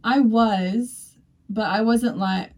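A woman's voice: on the high side, fairly even intonation, slow, darkish tone, far from the mic, lo-fi sound. A young woman hosting a casual podcast chat, talking loosely and laughing often as she acts out what others said. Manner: chatty, laughs often, acts out quoted dialogue. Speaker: podcast host.

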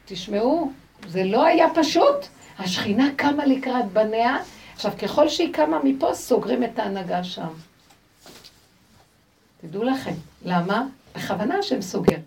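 High-voiced woman preaching from afar. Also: gravelly, long pauses, recorded from a distance. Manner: expressive, rhetorical questions to the audience. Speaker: Torah teacher. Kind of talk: religious lecture to a group.

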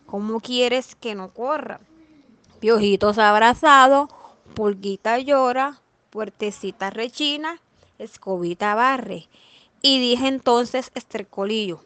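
A woman's voice: a little high, no room sound. Woman reading a fairy tale aloud. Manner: expressive, rhythmic repetition of the chain lines. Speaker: storyteller.

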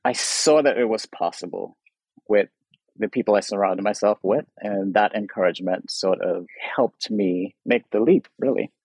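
Guy in his 50s, husky lowish voice, dry close mic, thoughtful interview talk. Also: normal speed, darkish tone, no echo, poor audio. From Trinidad. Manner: thoughtful, earnest, leans on "sort of" and "you know". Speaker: guest artist.

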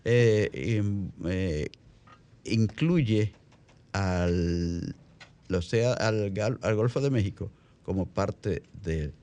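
A man with a Dominican Caribbean Spanish accent hosting a radio talk show in an unscripted way, halting and repeating phrases as he explains. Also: fairly low pitch, mellow.

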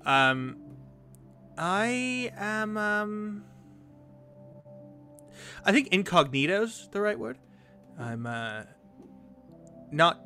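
A man's voice: high voice, bright, forceful tone, exaggerated voice. Man playing an evasive, hesitant runaway noble. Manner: hesitant, many fillers. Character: noble second son hiding his title, evasive young man. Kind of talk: tabletop role-play in character.

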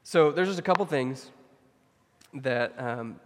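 Young male pastor, loose and conversational preaching, middle-pitched voice, hall reverb. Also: slow pace, slight background noise. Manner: conversational, many fillers, animated when telling stories. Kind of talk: sermon.

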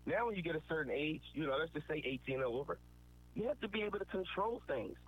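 A man's voice: a little high, expressive, fast, breathy edge. A man giving an earnest, preachy motivational talk, repeating points for emphasis. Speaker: motivational speaker. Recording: tinny phone-like line with faint noise.

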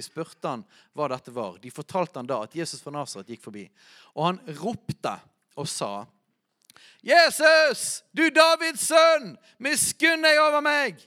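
A man preaches a sermon in a fairly high voice. He stretches words slowly for emphasis and breaks into loud shouts at the high points. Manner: preaching with bursts of shouting when quoting.

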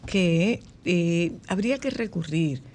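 A woman's voice: fairly low pitch, expressive, slow pace, darkish tone, a little hiss or hum. An older woman, co-hosting a radio talk show, emphatic and repeating words for stress. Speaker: co-host.

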